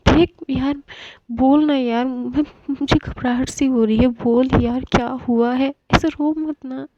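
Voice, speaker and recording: A woman's voice: sits high, steady tone, slow pace, no echo. A woman voicing a worried young woman who presses her friend with urgent, pleading questions. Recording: dull lo-fi dry recording.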